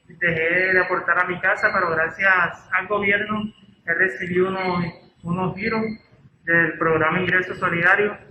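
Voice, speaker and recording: A man in his twenties from Cartagena, Colombia, with a Cartagena accent, speaking earnestly and gratefully in a testimonial video. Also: high-pitched. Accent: Colombian Spanish, Cartagena. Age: 20s. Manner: earnest, grateful, slightly halting. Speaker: program beneficiary in a testimonial video. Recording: echoey, lo-fi, noisy background.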